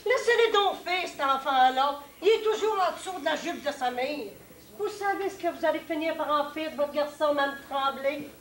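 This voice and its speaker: A woman's voice: high-pitched, lively intonation, moderate pace. A woman with a Québécois accent acting on stage as a mocking, bossy neighbour who comments on everyone. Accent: Québécois French. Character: sharp-tongued gossiping woman neighbour. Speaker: stage actor. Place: theatre stage. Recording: echoey stage audio.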